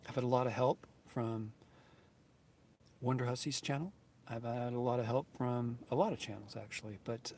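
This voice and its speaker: A mid-pitched man in his fifties hosts his own vlog. He speaks earnestly and gratefully, rambling through his thoughts with plenty of fillers and restarts. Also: slight background noise. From United States. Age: 50s. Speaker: YouTube channel host. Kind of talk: casual vlog talk to viewers.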